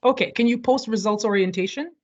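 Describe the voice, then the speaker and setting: A woman with a slightly high, fairly quick voice guides a study group on a video call, explaining a topic and checking that everyone is following. The call's audio is muffled, and she is at home near street fireworks.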